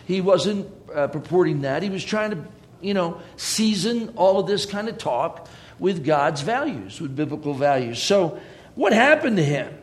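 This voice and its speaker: A man's voice: high-pitched, sing-song, a little slow. A man preaching a sermon in a conversational way, with joking asides.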